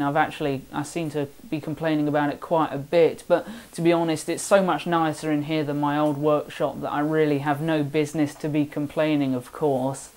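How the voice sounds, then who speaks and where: A man's voice: on the high side, darkish tone. A chatty seventeen-year-old lad with a southern English accent, talking through a casual vlog voice-over in a rambling, self-deprecating way. He speaks from his home workshop. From south of England. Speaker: woodworking vlogger.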